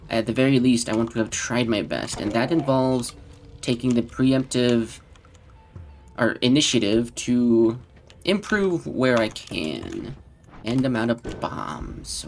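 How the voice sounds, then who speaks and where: A man giving casual gameplay commentary in a deadpan tone that can sound sarcastic, with keyboard clicks behind him. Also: mid-range voice, slight background noise. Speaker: gaming channel host.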